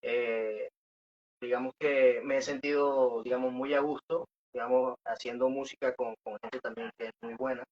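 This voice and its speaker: During a radio interview, a band singer with a Venezuelan Maracucho Spanish accent answers questions in a casual way. His mid-range voice keeps a fairly even intonation at normal speed, and the radio audio sounds dull and muffled.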